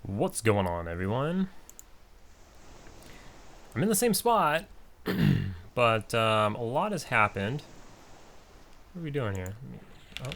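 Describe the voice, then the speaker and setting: A man's voice: mid-range voice, big pitch swings, slow, long pauses, fairly bright tone, a little hiss or hum. A man giving casual, rambling commentary over his own gameplay, with many fillers and restarts. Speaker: gaming channel host.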